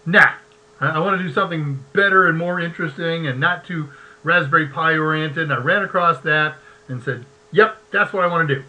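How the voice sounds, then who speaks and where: Chatty bright-voiced man hosting. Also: on the high side, poor audio. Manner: chatty, reads poems aloud, laughs often. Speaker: host. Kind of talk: live tech show chat.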